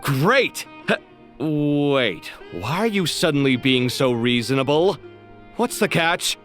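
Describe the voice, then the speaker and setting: Fussy, high-voiced young game character. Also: male voice, slow pace, faint music behind, full character voice. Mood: hopeful, suspicious. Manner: animated, huffy. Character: fussy, indignant, expressive young man short of money. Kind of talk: video game voice acting.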